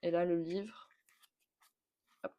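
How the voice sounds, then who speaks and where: A French woman chats casually through a tarot deck unboxing. Her voice sits a little low, and she repeats words and fills pauses with euh as she goes. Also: steady tone, mellow. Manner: chatty, repeats words, many fillers. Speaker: tattoo artist and tarot channel host.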